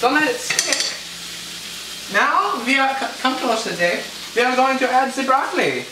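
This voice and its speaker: A teenage boy plays Franz in a comic cooking show skit, an anxious, self-pitying home cook who whines melodramatically and fretfully to his cameraman. His voice is very high with lively intonation at a moderate pace. It's recorded on a handheld camera's mic in a roomy home kitchen, with food sizzling in a pan and background noise.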